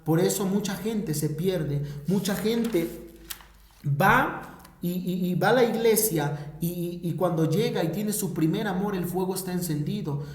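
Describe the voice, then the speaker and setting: A man's voice: high voice, unhurried. A Mexican man teaching a Bible lesson in an earnest preaching manner, often repeating words as he searches for the next phrase. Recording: echoey room.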